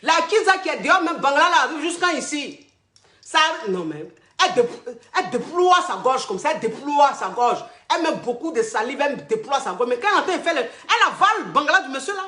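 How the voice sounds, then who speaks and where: A woman's voice: high voice, big pitch swings, fairly quick, pushed and bright, reverberant. A woman, coaching callers on a live stream in a crude, teasing, repetitive way and often laughing. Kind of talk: livestream advice chat.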